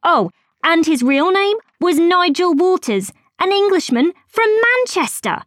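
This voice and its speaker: A woman telling a first-person story as scripted narration, expressive and rising high on surprise and excitement. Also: measured pace, no echo, studio quality.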